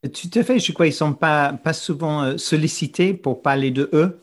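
A man's voice: a little high, normal speed. A middle-aged man in talks spontaneously as an interviewed researcher, repeating words as he searches for phrasing. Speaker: researcher and podcast co-host, interview guest.

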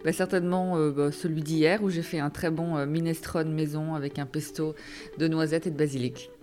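A woman's voice: low-pitched, fairly even intonation, a little fast, warm tone, faint music behind. A woman in her forties, a podcast guest, answering casually with hesitation, restarts and short laughs. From born in the United States, raised between Geneva and Paris. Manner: hesitant, many fillers and restarts, laughs between thoughts.

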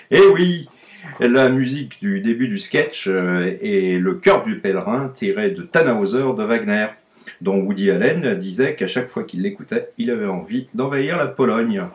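A man's voice: lowish voice, moderate pace. A man co-hosting a podcast in a playful, theatrical way, recorded with a roomy echo.

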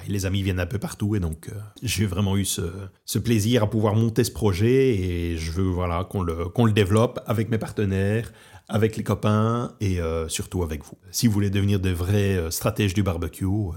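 Un homme originaire de Belgique qui parle de son projet de barbecue dans un podcast décontracté, avec beaucoup d'hésitations et de « euh ». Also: male voice, low voice, brisk, a little mellow. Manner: hesitant, many fillers and restarts. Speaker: podcast host and barbecue trainer. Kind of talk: casual podcast talk. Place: Portugal.

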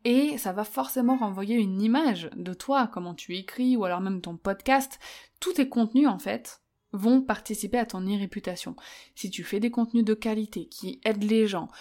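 A woman's voice: mid-range voice, mellow. Female solo podcast host, casual advice talk, chatty, lots of fillers. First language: French. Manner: chatty, many fillers and restarts.

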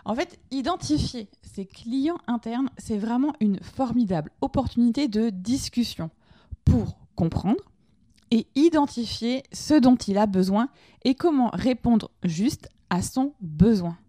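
A woman's voice: fairly high pitch, expressive, unhurried, mellow, no echo, clean studio sound. A woman hosting an informal lesson, explaining ideas conversationally and asking her listeners direct questions. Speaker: podcast host teaching lean management.

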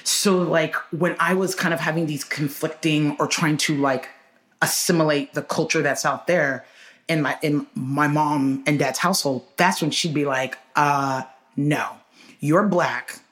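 A woman's voice: sits low, normal speed. Candid woman chatting loosely with lots of "like". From Houston, Texas. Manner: loose and animated, heavy filler "like", swears freely. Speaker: podcast guest. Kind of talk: casual candid chat.

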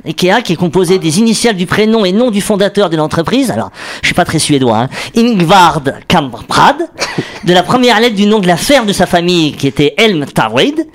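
A man's voice: high voice, very animated, normal speed. A man delivering an explanatory radio column in a studio, joking and restarting as he goes. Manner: explanatory, jokey, thinks aloud with restarts. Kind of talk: radio chronicle on acronyms.

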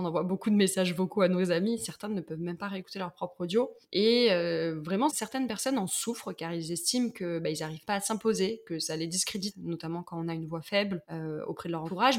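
A woman hosting a podcast, asking her guest long questions with engaged enthusiasm and frequent fillers. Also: lowish voice. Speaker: podcast host. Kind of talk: interview questions.

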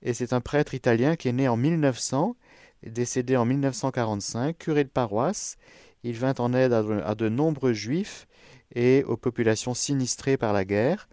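A man, a priest, hosting a radio call-in show, praying aloud for callers in a measured, gentle way and chuckling warmly with them. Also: mid-range voice, no room sound, clean studio sound. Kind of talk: radio call-in with spoken prayers.

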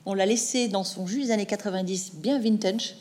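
A middle-aged woman novelist answering interview questions in a thoughtful, measured way, with hesitant restarts. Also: medium pitch, darkish tone. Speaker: novelist guest.

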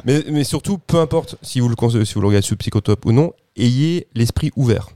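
A man's voice: mid-range voice, lively intonation, brisk, dark tone, dry recording, clean studio sound. A man chatting casually about cinema as a podcast host, rambling with frequent restarts and fillers. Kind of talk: casual film discussion.

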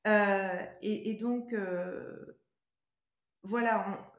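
A woman's voice: mid-range voice, steady tone, extremely slow, reverberant. A middle-aged woman being interviewed casually, choosing her words hesitantly and often restarting her sentences. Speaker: interview guest, beauty brand co-founder.

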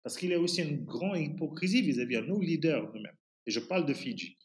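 A man speaking French with a foreign, English-influenced accent, giving an impassioned interview in an emphatic but halting way, searching for words. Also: on the high side, expressive. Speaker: podcast guest, activist. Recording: roomy, echoing sound.

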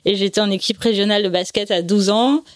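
A woman in her forties from France, a sailor being interviewed, explaining things at length in a relaxed, conversational way. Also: medium pitch, fast talker, no echo, clean studio sound. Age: 40s. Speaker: guest, offshore sailor.

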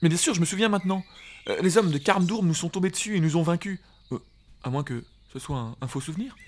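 A man's voice: fairly high pitch, quick pace, slight background noise, voice pushed up, natural voice. A man voicing a bewildered young male hobbit who stammers and hurries his words. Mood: confused.

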